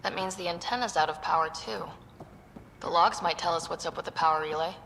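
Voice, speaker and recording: An actress voicing a brisk young woman soldier in a video game, speaking in a crisp, businesslike way. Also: lowish voice, a bit bright, slight background noise. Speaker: game character, squad member. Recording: video game audio with long reverb.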